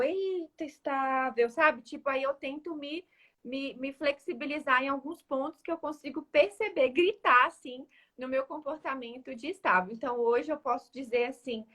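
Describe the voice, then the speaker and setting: A woman in a casual live chat, talking in an animated, chatty way with many fillers. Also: high-pitched. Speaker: guest speaker.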